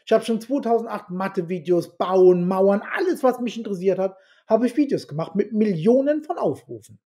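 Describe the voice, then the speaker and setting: A man's voice: sits high, fairly quick. A middle-aged man telling stories as a podcast guest, bluntly and with salty language, acting out the dialogue he quotes. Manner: animated storyteller who acts out quoted dialogue; blunt and salty, swears casually. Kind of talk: casual storytelling interview.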